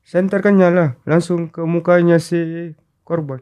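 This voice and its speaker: Smooth and unhurried, with a slightly high voice, a man appears as a rescue volunteer guest in a casual interview. He tells the story of a mountain rescue with animation, performing the quoted dialogue along the way.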